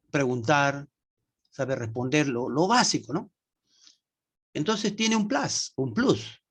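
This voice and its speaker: Male teacher on a video call, slightly high-pitched, drawing out words and checking in with "¿no?". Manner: demonstrates words slowly, often ends with "¿no?". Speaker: English teacher. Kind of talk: online class explanation.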